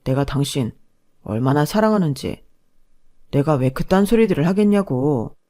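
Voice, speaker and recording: A woman voicing a cowardly young husband who pleads in a flustered, lowered voice. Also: lively intonation, moderate pace, dark tone. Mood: pleading.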